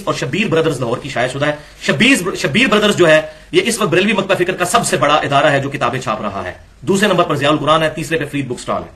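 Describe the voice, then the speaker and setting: In a fairly high, pushed and bright voice, a religious lecturer presents an Islamic talk. He reads sections from books and takes them apart argumentatively, firing rhetorical questions at the texts.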